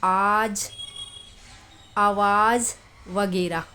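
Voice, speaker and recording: A woman's voice: mid-range voice, steady tone, pushed and bright, slight background noise. A woman teaching a lesson, reading example words one at a time and explaining patiently. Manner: patient, repeats examples slowly, then explains quickly. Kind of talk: Urdu phonetics lesson.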